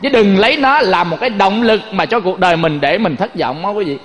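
A man's voice: sits high, a little fast, fairly bright tone, big-room sound. A man giving a folksy Buddhist sermon, telling stories and constantly addressing his listeners. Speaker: Buddhist monk teacher.

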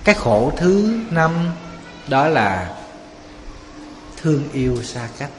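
A man's voice: mid-range voice, big pitch swings, slow, soft background music. A man, a Buddhist monk giving a sermon, talking conversationally and putting rhetorical questions to his listeners. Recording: echoey hall with long reverb, faint ambience.

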